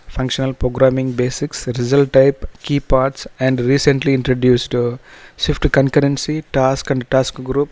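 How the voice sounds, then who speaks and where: Male tutorial instructor, Telugu accent, halting informal explanations, mid-pitched voice, dry recording. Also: a little mellow, dry recording. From south India. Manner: halting, repetitive phrasing with broken restarts. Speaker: programming instructor.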